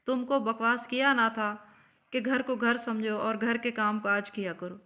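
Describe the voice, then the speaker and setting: A woman's voice: fairly high pitch, fairly even intonation. A woman voicing an angry, abusive older father-in-law who rebukes his son's wife. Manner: furious shouting rebukes.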